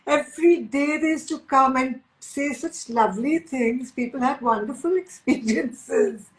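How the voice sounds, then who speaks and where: Echoey room, woman, Indian accent, slightly high pitch, enthusiastic spiritual talk, repeats key phrases. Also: measured pace.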